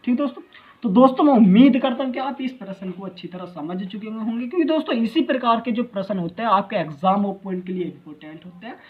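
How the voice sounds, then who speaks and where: A man's voice: high voice, animated, fast talker, breathy edge, phone-quality sound. A male math teacher giving a lecture, constantly asking his students rhetorical questions and calling them brother.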